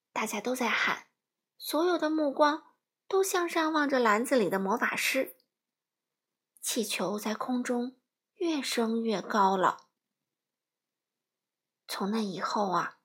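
A mother reading a storybook aloud to children in a gentle, storytelling manner. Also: fairly high pitch, breathy edge.

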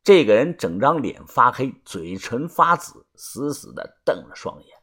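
A man's voice: mid-range voice, big pitch swings, measured pace, fairly bright tone, breathy edge. A man narrating a first-person story dramatically, stretching filler particles for effect.

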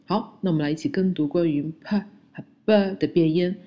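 A woman teaching English pronunciation, modeling words clearly one by one for the listener to repeat. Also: lowish voice, fairly quick, dark tone. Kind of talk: slow, deliberate phonics lesson.

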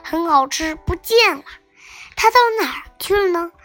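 A woman voicing an eager little baby dinosaur boy who talks high and pleading, as in a children's storybook. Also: expressive, moderate pace, a bit bright, soft background music.

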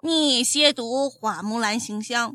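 A woman's voice: on the high side, slow pace, bright, forceful tone, no echo, clean studio sound, faint music behind. A woman playing a stern, huffy association spokesperson in a comic skit, accusatory and declamatory, with a Shaanxi accent. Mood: accusing, demanding.

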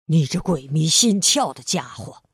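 A deep, somber old crow who thinks himself the wisest bird around, drawing out his words slowly and mournfully, as a woman reads him in a storybook. The recording is close and dry, with no room sound. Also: expressive, husky, dry recording, heavily acted. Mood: pompous. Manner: solemn, slow and mournful. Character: gloomy pompous male crow sage.

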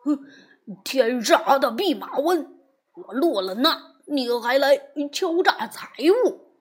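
A woman's voice: fairly high pitch, animated, takes it slowly, slightly rough, exaggerated voice. A woman voicing a greedy, cowardly male pig monk who whines and blusters in a storybook tale. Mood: indignant. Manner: whiny, blustering.

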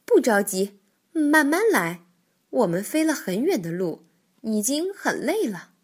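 A woman's voice: a little high, very animated, measured pace, husky, heavily acted. A woman playing a polite, scheming stork. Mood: smooth. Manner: polite and coaxing. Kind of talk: storybook reading.

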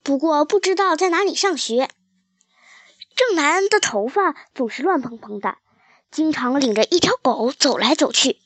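A woman narrating a children's story in a calm, careful storybook reading. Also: high voice, normal speed, no room sound.

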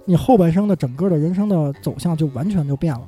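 Fast-talking Beijing man, dark mellow voice. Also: fairly high pitch. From Beijing, China. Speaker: interview guest, pilot. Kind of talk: casual conversational storytelling. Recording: faint music behind. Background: faint music.

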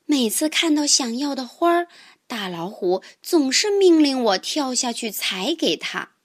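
A woman telling a children's story in the first person, with expressive sighs. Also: high voice, a little slow.

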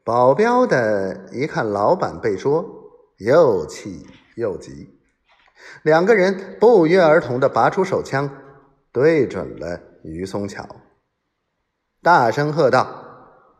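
Male serial storyteller, unhurried, lively pitch, long reverb. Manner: dramatic, acts out quoted voices.

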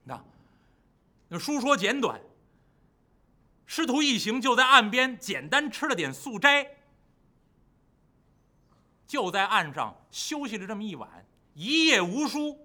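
Give me a lively male storyteller with a bright, forceful, high voice. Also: unhurried, pauses often. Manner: lively, animated, addresses the audience. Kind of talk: traditional storytelling performance.

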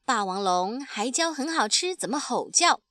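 A woman storyteller reading a picture book aloud in an animated way, acting out the sound effects. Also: on the high side, normal speed, dry recording, studio quality.

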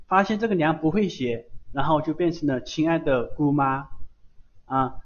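A man's voice: a little high, moderate pace. A man teaching beginners, patiently repeating each sound several times and adding chatty filler particles. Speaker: Japanese language teacher. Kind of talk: online lesson, writing on screen. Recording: dull lo-fi voice recording.

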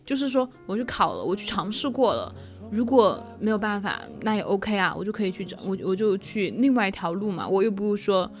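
A young woman co-hosting a casual chat stream, telling stories in a giggly, animated way with many restarts. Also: mid-range voice, a little fast. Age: young adult. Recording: music playing in the background.

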